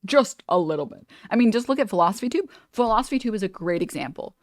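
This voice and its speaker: A woman's voice: mid-range voice, lively intonation, fast talker, no echo, studio quality. A woman streamer giving casual reaction commentary, chatty and full of fillers, swearing freely.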